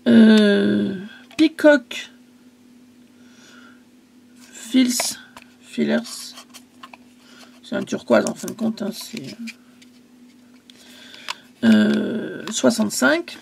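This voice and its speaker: A woman's voice: a little high, drawn-out words, vocal fry, long pauses, darkish tone, a little hiss or hum. A woman casually selling her craft supplies in a vlog, chatty and hesitant, stumbling over English product names.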